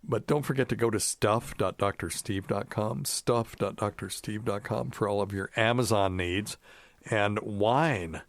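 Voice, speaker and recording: A middle-aged man with a lowish voice hosts a medical podcast, drifting through plugs and jokes with plenty of ums and uhs. His voice sits close and dry on a studio mic, with no room sound around it. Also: unhurried, dry recording. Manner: rambling, jokey, many fillers. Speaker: podcast host, doctor. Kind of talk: casual chat and ad reads.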